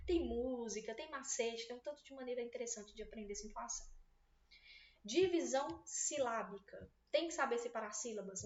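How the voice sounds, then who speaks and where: A Brazilian woman teaching Portuguese for exam prep, chatty and encouraging, often checking in with quick tag questions. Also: fairly high pitch. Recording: roomy, slightly dull sound.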